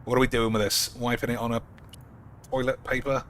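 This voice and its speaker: A man streaming a game, making crude jokes and thinking out loud as he plays. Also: mid-range voice, level tone, brisk, slight background noise. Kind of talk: casual gameplay commentary.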